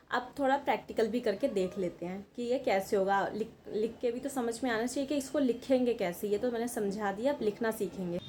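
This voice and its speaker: A woman's voice: sits high, a little hiss or hum. A woman teaching a language lesson, explaining step by step in a patient way and often checking in with the listener. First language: Marathi. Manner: patient, repeats "ठीक है" to check along.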